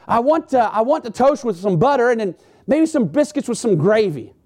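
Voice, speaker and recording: A man's voice: extremely high pitch, big pitch swings, brisk, a little mellow, heavily acted. A man voicing a grumpy old husband who fussily lists his breakfast demands. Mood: demanding. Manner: demanding, fussy.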